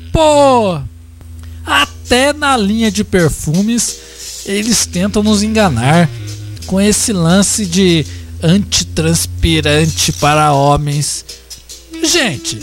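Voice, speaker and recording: Effeminate macho-posing doctor, flustered, theatrical, Brazilian accent, slow delivery, wildly swinging pitch, radio comedy. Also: male voice, pushed and bright, exaggerated voice. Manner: camp, theatrical, self-correcting into a gruff macho tone. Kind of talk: comedy radio sketch, mock motivational speech.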